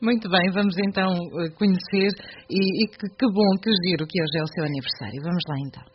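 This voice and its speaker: A woman hosting a morning radio show, briskly announcing and introducing guests. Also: on the low side, noisy background. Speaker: radio host. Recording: lo-fi radio broadcast with music bed.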